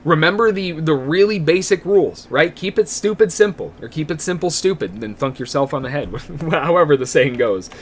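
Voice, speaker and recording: A man walks through market charts live on a stream, talking in a loose, chatty way and laughing often. His voice sits a little high for a man. He greets viewers in the chat by name as he goes. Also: lively intonation, brisk, few pauses, a little hiss or hum. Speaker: day trading analyst.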